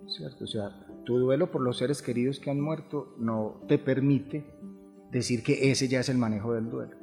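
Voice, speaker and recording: A man speaks in a calm, explanatory way, often posing a question and then answering it himself. His voice sits in the middle range. It rings with a long hall reverb over faint background music. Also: medium pitch, moderate pace, vocal fry. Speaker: grief therapist guest. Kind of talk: reflective podcast conversation.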